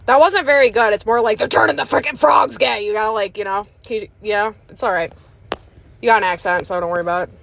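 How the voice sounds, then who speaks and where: A woman's voice: medium pitch, quick pace, fairly bright tone. A woman questioning a chatbot in an amused way. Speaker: user talking to a chatbot.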